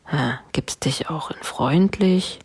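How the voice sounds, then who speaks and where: A woman reader gives a sulky storybook dog a low, husky voice that shrugs everything off. He talks slowly and dismissively, always ready to answer "so what". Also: a little mellow, whispered, heavily acted. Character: grumpy, contrary male dog.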